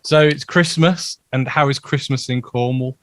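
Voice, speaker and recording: A man's voice: medium pitch, steady tone, normal speed, no echo. Chatty young man, dry sound. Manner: chatty, rambling, laughs often. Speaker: podcast co-host. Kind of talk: casual chat.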